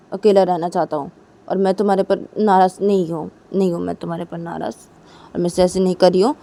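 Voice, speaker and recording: A woman's voice: mid-range voice, dark tone, natural voice. A woman voicing a hurt young woman who coldly pushes her lover away and repeats that she wants to be alone. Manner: cold, accusing, repeats herself. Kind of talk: one-woman storytelling with voices.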